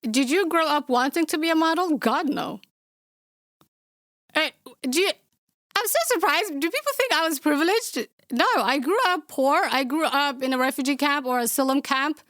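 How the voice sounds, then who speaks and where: Answering viewer questions on a casual Q&A podcast, a young Somali woman is blunt and outspoken, throwing in deadpan sarcasm. Her Somali-accented voice is high-pitched at a moderate pace, captured with clean studio sound and no echo.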